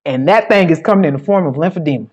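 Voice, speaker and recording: A woman's voice: low voice, animated, quick pace, a little mellow. A woman with a New York accent hosting a casual talk show, blunt, gossipy and profane. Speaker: host. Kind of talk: casual opinion chat. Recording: dull lo-fi sound.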